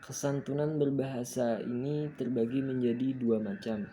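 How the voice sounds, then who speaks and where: A young male student explains course material in a methodical, step-by-step lesson. His voice is mellow and dark, held to a flat, narrow pitch. Faint background noise sits under the recording. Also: moderate pace. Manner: steady, methodical listing of points.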